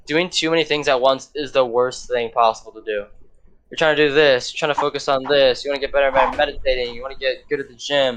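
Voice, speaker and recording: A man's voice: medium pitch, a bit bright. A teenage man on a podcast chatting casually, hyped up and slangy, saying bro and dude a lot. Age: teens. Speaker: podcast co-host.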